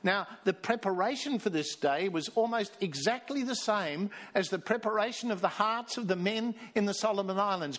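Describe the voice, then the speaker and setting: An Australian man with a high-pitched voice, the church's pastor, gives a sermon built around storytelling. He reads quoted passages aloud with emphasis.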